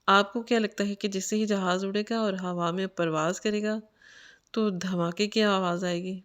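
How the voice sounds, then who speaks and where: A woman's voice: mid-range voice, steady tone, clean tone, natural voice. A woman voicing a teasing young man. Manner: mocking, telling frightening tales with relish. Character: teasing young man seated beside her on a plane. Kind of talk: storytelling in Urdu.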